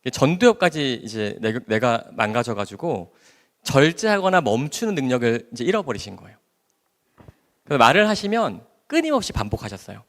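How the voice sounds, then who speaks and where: Male doctor giving a church testimony, lively rising and falling pitch, long hall reverb. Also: fairly quick. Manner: emotional, animated storytelling.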